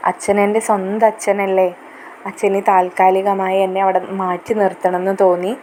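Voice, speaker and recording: Soft dutiful daughter done by the woman telling the story, respectful, reassuring, faint hum behind. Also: medium pitch, close to an everyday voice. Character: grown daughter, gentle and dutiful, young woman.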